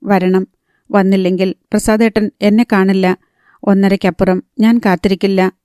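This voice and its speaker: A woman narrator voicing a troubled young married woman, soft-spoken and then firm, in an even, clear reading voice. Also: mid-range voice, normal speed, dry recording, clean studio sound, lightly acted. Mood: pressing.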